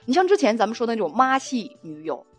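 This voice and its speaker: A woman hosting a talk show, telling a relationship story in a chatty, animated way and acting out the quotes. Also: a little high, fast, soft background music. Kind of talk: storytelling monologue.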